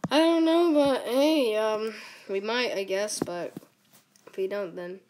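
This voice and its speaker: A woman giving rambling, goofy commentary while playing a video game, with sudden squeaky outbursts. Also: slow, a little mellow, a little hiss or hum. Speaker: gamer. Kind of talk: casual gameplay commentary.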